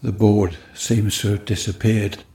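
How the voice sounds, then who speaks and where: A man with a deeply husky, rough-edged voice that sits on the low side. He narrates a casual walkabout vlog into a handheld mic, chatty and rambling, thinking aloud as he goes. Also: steady tone, a little slow, mellow. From West Sussex, England. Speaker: vlogger. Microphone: handheld microphone.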